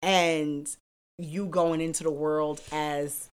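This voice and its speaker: A woman in her forties, a mother co-hosting a casual chat podcast with her daughter, teasing and unhurried. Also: low-pitched, steady tone, clear, resonant tone.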